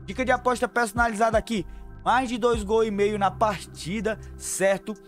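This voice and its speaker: A young man from Brazil giving quick football betting tips to his viewers, chummy and brisk, calling them family. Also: high voice, steady tone, soft background music. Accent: Brazilian Portuguese, São Paulo fan. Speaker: sports betting tipster. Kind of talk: fast betting tips over screen share. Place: small room at home.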